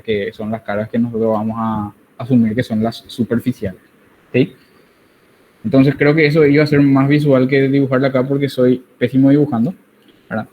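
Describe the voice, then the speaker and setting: A man's voice: medium pitch, muffled recording, slight background noise. A man giving an online engineering tutorial, explaining while he draws and often checking with tag questions.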